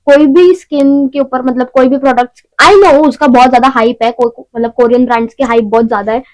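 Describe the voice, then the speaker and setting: A woman's voice: sits high, low-quality recording. A young woman talking casually through a beauty haul at home, chatty and rambling with self-mocking asides. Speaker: beauty vlogger. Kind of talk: casual shopping haul vlog.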